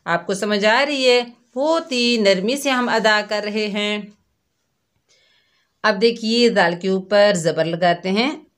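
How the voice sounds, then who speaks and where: A woman's voice: medium pitch, takes it slowly. A woman with a Pakistani Urdu accent teaching Quran pronunciation to children, drawing out each syllable and repeating drills patiently. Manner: addresses pupils warmly as dear children. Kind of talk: slow, patient tajweed lesson for children.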